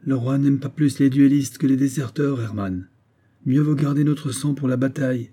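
Man putting on a young heartbroken soldier, emphatic, dark husky tone, storybook reading. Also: mid-range voice, steady tone, normal speed, pitched above the performer's own voice, lightly acted. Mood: conciliatory. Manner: pleading then heated, emphatic. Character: young male student turned soldier, heartbroken and proud.

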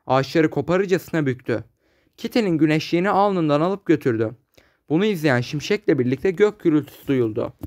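A man narrating an audiobook in a steady storytelling manner. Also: a little high, a little fast, no room sound, studio quality. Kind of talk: scripted narration.

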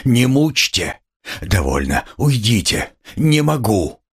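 A feverish, worn-out young man who snaps in halting, strained bursts, as the reader puts him on. The voice is low and husky. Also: lively intonation, heavily acted. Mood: irritable. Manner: strained, halting, forceful outbursts.

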